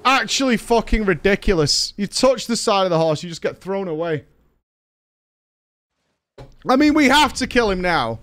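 A man streaming a video game over a headset mic, reacting excitably and swearing often as he plays. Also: high voice, normal speed, long pauses. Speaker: livestreamer playing a video game. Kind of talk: live gameplay commentary. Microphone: livestream headset mic.

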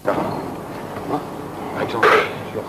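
A man coaching an exercise session indoors, giving brisk counted commands and encouragement. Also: very noisy. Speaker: fitness coach.

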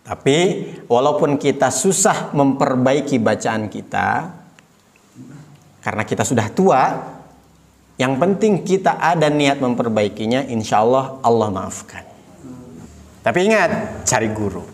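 Patient man teaching recitation slowly. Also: mid-range voice, expressive. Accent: Indonesian. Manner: patient, demonstrates words slowly and repeats corrections. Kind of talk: slow step-by-step recitation lesson.

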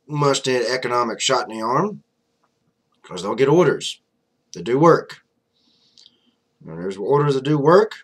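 Seated at his desk webcam in a small room, a flag hanging behind him, a young vlogger talks politics bluntly and casually, leaning heavily on fillers such as "you know". His voice is mid-range and husky.

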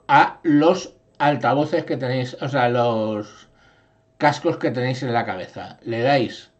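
Guy walking you through audio software, slow and patient, keeps saying vale. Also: mid-range voice, lo-fi sound. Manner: explanatory, frequent "¿vale?" check-ins. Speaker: software tutorial presenter. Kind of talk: screen-recorded software tutorial. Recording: echoey processed signal through audio effects.

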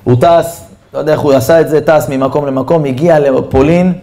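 A man, a rabbi, giving a storytelling sermon in an animated way and speaking straight to his listeners. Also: on the high side. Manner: animated storyteller who addresses listeners directly. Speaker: rabbi giving a Torah lesson.

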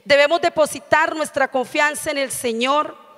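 Middle-aged woman pastor, high pitch, earnest sermon delivery, handheld mic in a reverberant hall. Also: normal speed, a bit bright. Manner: earnest, frequent "amén" and "¿sí?" checks. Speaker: preacher. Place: church stage at a pulpit.

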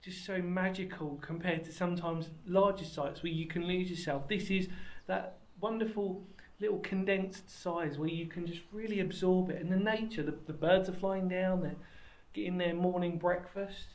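A man's voice: high voice, steady tone, moderate pace. A man in his thirties talks to a handheld camera while exploring a sandstone cave in woodland, rambling enthusiastically and correcting himself as he goes. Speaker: history explorer vlogger. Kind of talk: walking vlog to camera. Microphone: handheld camera at arm's length.

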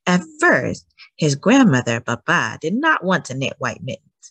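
A woman's voice: deep voice, wildly swooping pitch, measured pace, fairly bright tone, slightly rough, no room sound. A woman reading a picture book aloud to young children, expressively and with chatty asides to the listeners. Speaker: read-aloud storyteller for children.

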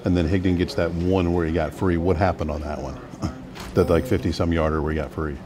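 A man's voice: low voice, steady tone, fairly quick. A male sports reporter asking direct, probing questions at a postgame press session. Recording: crowd noise behind.

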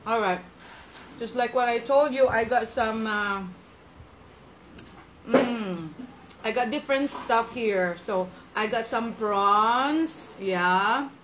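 A woman's voice: on the high side, slow, noisy background. Chatty Filipino woman vlogging a mukbang. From Philippines. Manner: chatty, mixes English and Tagalog, laughs often. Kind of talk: casual mukbang vlog. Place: home.

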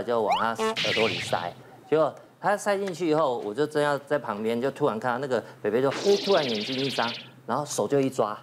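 A man's voice: mid-range voice, noisy background. A man, a doctor, telling a funny story from his hospital days on a talk show. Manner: animated storytelling with laughter. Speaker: doctor guest.

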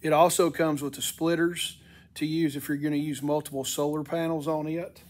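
Middle aged guy doing a casual product review, kinda high voice, stuffy n cracking, plain spoken folksy. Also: flat delivery, normal speed, noisy background. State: congested, voice cracking from sinus infection and allergies. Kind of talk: casual unscripted product walk-through. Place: indoor wooden-shelved workshop.

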